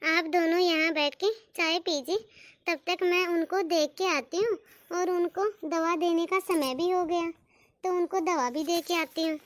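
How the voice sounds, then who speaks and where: A woman's voice: very high-pitched, steady tone, a little slow, no echo. A woman voicing a patient, respectful elder daughter-in-law in a cartoon. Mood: gentle. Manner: gentle, dutiful, respectful. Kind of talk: cartoon voice acting.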